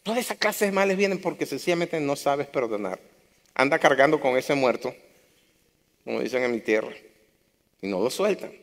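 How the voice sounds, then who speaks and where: A man's voice: mid-range voice, animated, moderate pace, long pauses. A man preaching a sermon to his congregation, impassioned, repeating phrases for emphasis. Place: church hall. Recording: long hall reverb.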